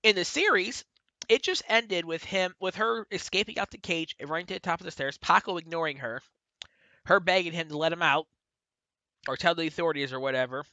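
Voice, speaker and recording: A man's voice: a little high, fairly quick, bright, forceful tone, no room sound. A man giving a casual spoken review, retelling events in a rambling way with many fillers and self-corrections. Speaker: book and TV reviewer.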